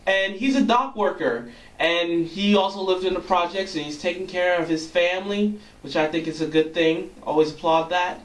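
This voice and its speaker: A young man with a fairly high voice chats casually and cracks jokes as he gives his opinions. The sound bounces around an echoey room, and the mic sits some distance from him. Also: a bit bright. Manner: joking and opinionated. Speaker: vlog host commenting on singing auditions. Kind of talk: casual chatty commentary.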